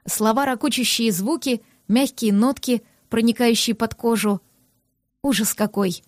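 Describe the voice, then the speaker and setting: A woman narrating a first-person audiobook in a lively, expressive way. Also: a little high, unhurried, dry recording, clean studio sound. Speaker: audiobook reader.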